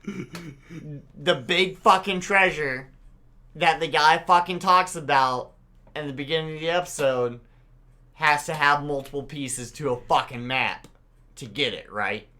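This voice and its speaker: A man's voice: on the high side, measured pace, sharp tone. A man from Oklahoma co-hosting a podcast in casual chat, rambling, stammering over his words and swearing a lot as he gets worked up. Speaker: podcast co-host.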